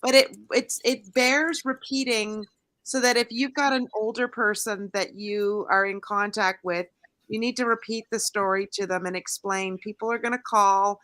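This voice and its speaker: A woman co-hosting a casual podcast chat, telling stories in an animated, chatty way. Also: mid-range voice, normal speed. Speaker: co-host.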